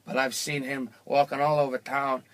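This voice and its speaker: A man's voice: little pitch movement, moderate pace, fairly bright tone. A man hosting a casual comedic podcast, rambling and joking as he drifts between topics. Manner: rambling, jokey, drifts into falsetto bits. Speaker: podcast host.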